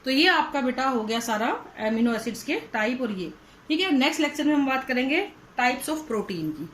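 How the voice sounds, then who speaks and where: A woman's voice: high-pitched, animated, moderate pace, a bit bright. A woman teaching a science lecture step by step, mixing in English terms and calling her students 'beta'. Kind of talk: whiteboard lecture. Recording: echoey room, faint hum.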